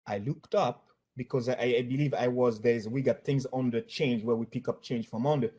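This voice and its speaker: A former bank employee from Haiti, speaking with a Haitian accent, gives spontaneous testimony about workplace incidents, talking haltingly and often repeating words and phrases. His mid-range voice is steady and warm, slightly rough.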